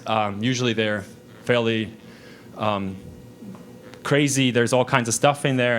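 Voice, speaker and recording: A man's voice: fairly low pitch, fairly bright tone, slight background noise. Man giving a casual tech talk. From Switzerland. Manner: casual, with frequent restarts and fillers. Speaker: conference speaker. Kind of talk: technical presentation. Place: lecture room.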